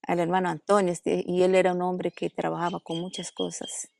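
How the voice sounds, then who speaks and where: A woman's voice: on the low side, monotone, fairly quick, creaky, a little mellow. A woman pastor from the Amazon jungle giving her testimony in an interview, telling the story and acting out the quoted dialogue, recorded at a family house in a jungle village. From Amazon jungle region.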